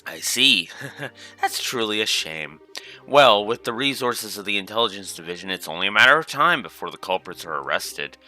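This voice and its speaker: Man as scheming castle noblewoman, formal, condescending, bright edge, game villain. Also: lowish voice, lively intonation, moderate pace, soft background music, poor audio. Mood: feigned concern. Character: polite, scheming, haughty woman of rank in a castle.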